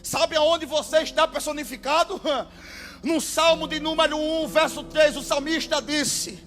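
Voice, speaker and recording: A man with a Brazilian Portuguese accent preaching a sermon as pastor, impassioned and bursting into shouted exclamations. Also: extremely high pitch, measured pace. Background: faint music.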